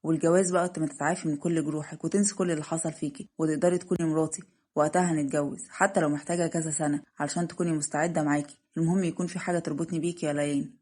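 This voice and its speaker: A woman with an Egyptian accent voicing a devoted young man in love, speaking softly and earnestly. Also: low voice, fairly even intonation, very fast. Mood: tender. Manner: soft, earnest, reassuring.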